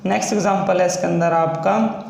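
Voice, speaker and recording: In a classroom-style lesson, a man teaches shorthand, slowly spelling out each sound step by step. His fairly high voice is steady, creaky and a little mellow, and the room adds a noticeable echo over faint background noise.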